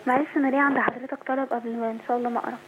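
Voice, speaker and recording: A woman's voice: fairly high pitch, steady tone, slightly rough. A woman with an Egyptian accent calling in to a live show, speaking politely and in a rush. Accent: Egyptian Arabic. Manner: polite, rushed speech. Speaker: caller. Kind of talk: phone call to a live show. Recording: tinny phone line with faint noise.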